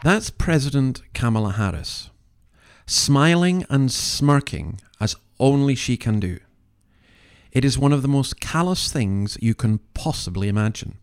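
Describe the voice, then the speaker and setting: A man's voice: medium pitch, expressive, a little slow, clear, resonant tone. A man hosting an opinionated commentary, speaking in an earnest, emphatic, moralising way with rhetorical questions. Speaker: commentary podcast host.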